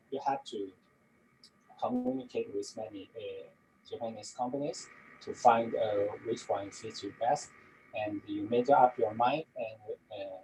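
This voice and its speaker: A young man from China, a native Chinese speaker, answering panel questions in halting English and searching for words. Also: mid-range voice, dark tone, a little hiss or hum, low-quality recording. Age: young adult. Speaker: panelist, 3D effects artist. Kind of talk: casual panel talk.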